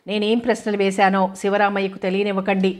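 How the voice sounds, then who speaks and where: A woman voicing a calm, shrewd male detective who speaks in measured, commanding lines in an audio novel. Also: mid-range voice, natural voice.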